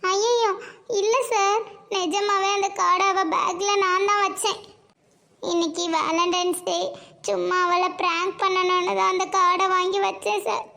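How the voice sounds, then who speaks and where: High-voiced woman with Tirunelveli Tamil accent. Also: little pitch movement, a little slow, vocal fry. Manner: voices several schoolgirls, pleading and sharp by turns. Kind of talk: scripted school drama acting.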